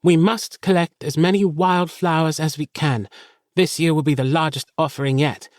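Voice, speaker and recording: A man voicing a bullheaded little girl who barks out excited orders. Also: fairly high pitch, moderate pace, dry recording, clean studio sound, voice pushed up, natural voice. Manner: commanding, excitable.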